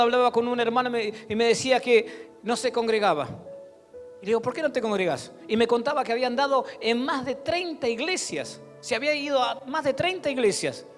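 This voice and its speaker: A man from Argentina with a Rioplatense accent, preaching a sermon as pastor and building to loud exhortation. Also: very high voice, a little fast. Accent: Rioplatense Spanish. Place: church hall. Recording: long church hall reverb, faint music.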